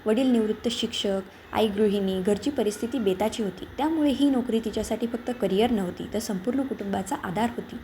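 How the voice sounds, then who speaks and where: Woman with a warm, mellow narrating voice. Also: mid-range voice, slight background noise. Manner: calm, measured storytelling. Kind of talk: scripted story narration.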